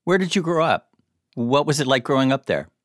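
Measured male podcast host. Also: medium pitch, lively intonation, a bit bright, no echo, studio quality. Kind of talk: scripted intro and interview questions.

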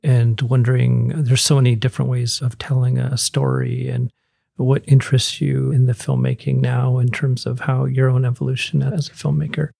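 A man's voice: medium pitch, little pitch movement, moderate pace, vocal fry, dark tone, slightly rough, dry recording, studio quality. A man hosting an interview, asking long, winding questions full of "you know" and "I'm wondering". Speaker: interviewer host.

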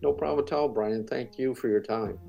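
A man with a Cape Breton accent giving earnest, measured interview answers as a veteran paramedic. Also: medium pitch, gravelly, warm tone, muffled recording, soft background music. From Cape Breton, Canada. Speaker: veteran paramedic and union manager.

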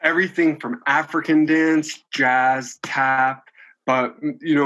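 A podcast guest in his late twenties chats loosely in a casual interview, restarting sentences and leaning on fillers. His voice is medium-pitched with a fairly bright tone, and the recording is rough.

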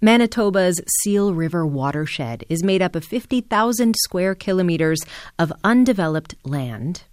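A woman radio host reading a scripted news introduction in a measured way. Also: lowish voice, darkish tone, no room sound, studio quality. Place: radio studio.

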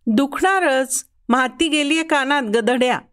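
Brief: woman reading as an exasperated storybook mother scolding her boy, slow and high. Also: fairly bright tone. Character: scolding middle-aged mother, sharp-tongued but loving. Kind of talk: storybook narration.

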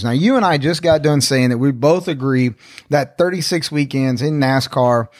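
A fairly high-voiced man co-hosting a podcast, laying out his points one step at a time and agreeing easily. The sound is dry and close, with no room echo. He talks in an easygoing, conversational way. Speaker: podcast co-host. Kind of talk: casual chat.

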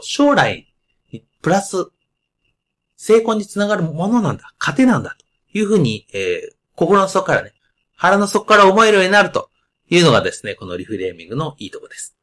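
A man hosting a podcast with a loud, carrying voice, explaining ideas in a casual monologue full of asides and fillers. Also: on the high side, huge pitch swings, a little fast. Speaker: podcast host.

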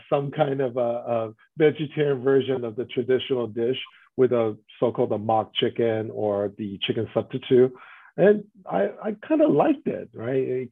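Heard over a thin, phone-like line, a man from Taiwan with a husky, slightly breathy, mid-range voice is interviewed as a restaurant guest. He explains things carefully, often tacking a quick "right?" onto his points.

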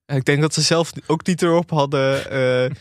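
A man's voice: fairly high pitch, steady tone, normal speed, dry recording, clean studio sound. A man co-hosting a casual talk podcast, recounting a TV episode in an easygoing, rambling way. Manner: easygoing storyteller, many fillers. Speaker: podcast co-host, TV critic. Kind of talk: casual chat, retelling a TV episode.

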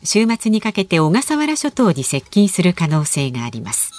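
A woman co-hosting a radio show. She reads the news and keeps the chat moving with brisk, teasing remarks. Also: fairly low pitch, sing-song, darkish tone. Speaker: radio announcer and co-host. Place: radio studio.

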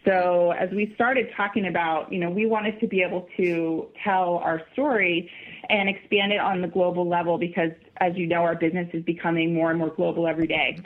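A woman's voice: fairly low pitch, steady tone, a little fast. A woman who is a guest on a radio talk show, upbeat and explaining her program from her notes. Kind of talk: phone interview. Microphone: phone. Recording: tinny phone line.

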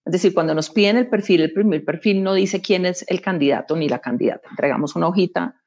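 A woman's voice: fairly low pitch, fast talker, darkish tone. A woman, an executive guest speaking emphatically in a conversational interview, making her points with anecdotes and rhetorical questions.

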